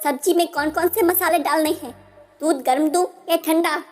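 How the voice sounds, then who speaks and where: A woman voicing a young newlywed daughter-in-law, polite and quietly sly, asking one question after another. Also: extremely high pitch, steady tone, moderate pace. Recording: soft music underneath.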